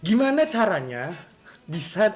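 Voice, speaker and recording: A man's voice: high-pitched, big pitch swings, unhurried. Young jakarta guy hosting food vlog, slangy n teasing, music n sizzling in the back. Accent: Jakarta Indonesian. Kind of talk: casual chat.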